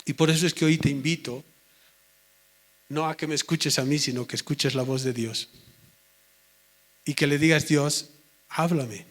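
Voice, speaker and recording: A man preaching a sermon in an earnest way, slowing right down to stress his points. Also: fairly high pitch, fairly even intonation, fairly bright tone. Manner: earnest, slows down sharply for emphasis.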